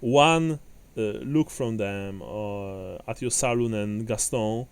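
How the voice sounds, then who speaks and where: A man's voice: lowish voice, slow, clean tone. A man narrating as game master of a tabletop game, rambling with many fillers and restarts.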